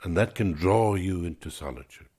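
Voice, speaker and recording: An Irish podcast host in his sixties talks alone in a reflective, musing manner, often repeating words as he gathers his thoughts. His voice is low, mellow and husky, at a normal speed.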